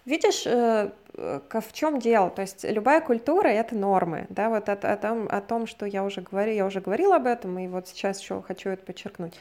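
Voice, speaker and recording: A Russian woman appears as a guest expert, explaining ideas in a measured, lecturing style and frequently hedging as she goes. Her voice is mid-range with a somewhat dark tone, and the exchange is an explanatory conversation.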